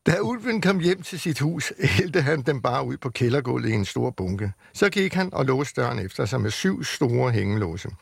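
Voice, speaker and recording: Gravelly man reading a children's story. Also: mid-range voice, hardly any pauses, no room sound, clean studio sound. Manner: lively storytelling. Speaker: radio reader. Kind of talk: reading a children's book aloud. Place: radio studio.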